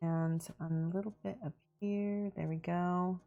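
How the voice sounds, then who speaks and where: The recording is muffled, carrying a woman's fairly low, creaky voice at a measured pace. With a Midwestern accent, she chats casually on a live stream about painting miniatures, walking through her steps aloud. She stays relaxed, thinks out loud, and greets the chat.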